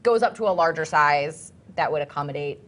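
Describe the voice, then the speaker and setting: A woman co-hosting a casual talk panel, teasing and lively as she leads the chat. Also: sits low, a little fast. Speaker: co-host.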